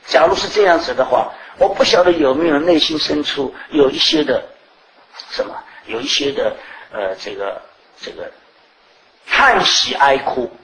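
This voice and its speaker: A woman's voice: deep voice, animated, normal speed, a bit bright, slight background noise. A middle-aged woman preaching a sermon in an earnest way, often asking rhetorical questions and repeating herself. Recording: roomy echo.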